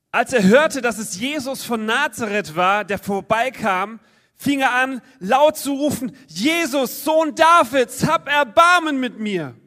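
A man's voice: high voice, a bit bright. A man preaching a sermon, reading a Bible story aloud and acting out the crowd and the voices, drawing the congregation in to play along. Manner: acts out the crowd and voices in the story, asks listeners to join in.

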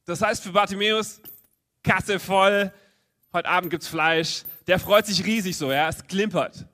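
A man's voice: sits high, a little slow, bright, forceful tone. A man preaching a sermon, reading a Bible story aloud and acting out the crowd and the voices, drawing the congregation in to play along. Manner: acts out the crowd and voices in the story, asks listeners to join in.

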